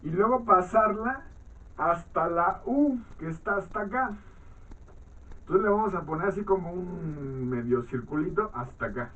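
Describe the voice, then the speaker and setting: A man teaching English vowel sounds in a halting classroom manner, often clearing his throat and checking in with his students. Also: high-pitched, lively intonation, fairly bright tone. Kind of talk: classroom-style lesson explaining vowel sounds. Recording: tinny phone-like sound from far off the mic.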